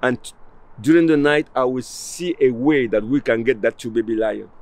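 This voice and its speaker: A man's voice: medium pitch, fairly even intonation, normal speed, darkish tone, pitched below the performer's own voice, close to an everyday voice. A storyteller voicing a grieving, protective old grandmother who comforts her grandson. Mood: tender.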